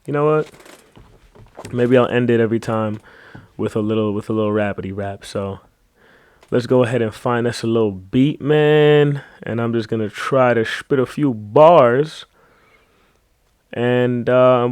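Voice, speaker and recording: A man hosts his own podcast alone, speaking in a mid-range, darkish voice at normal speed and pausing often. His casual monologue rambles with many fillers and asides, and the recording sounds dry.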